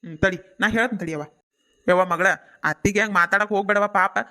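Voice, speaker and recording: A mid-pitched, quick-talking village father, voiced by a performer who keeps trying to calm everyone down. His speech has a North Karnataka accent and a gentle, coaxing manner. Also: close to an everyday voice. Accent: North Karnataka Kannada. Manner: coaxing, calming tone. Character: soothing village father, peacemaker.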